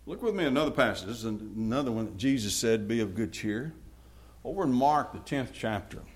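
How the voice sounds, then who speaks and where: A man preaching a sermon, reading scripture aloud and swinging from quiet, low asides to loud, forceful passages. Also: animated, brisk.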